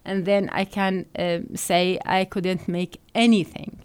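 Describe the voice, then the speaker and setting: A woman's voice: fairly low pitch, flat delivery, takes it slowly, clear, resonant tone. Hesitant woman from Iraq, radio guest. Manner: hesitant, repeats words, emotional. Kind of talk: radio interview.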